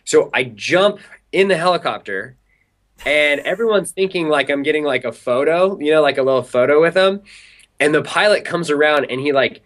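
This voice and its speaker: A young man from Southern California, interviewed as a guest, relates an animated tale in a casual, chatty style thick with filler words. His voice sits fairly high, and he keeps a moderate pace.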